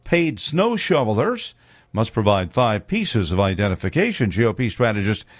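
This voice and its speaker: A man reading scripted radio news as anchor in a measured, steady way. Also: on the low side, dry recording, studio quality. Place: studio.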